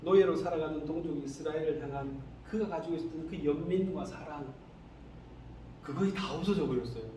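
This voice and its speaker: Male pastor, sermon, high lively pitch, echoey room with faint hiss. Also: brisk. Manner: animated, asks the congregation rhetorical questions. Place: church sanctuary. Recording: echoey hall, distant mic, faint noise.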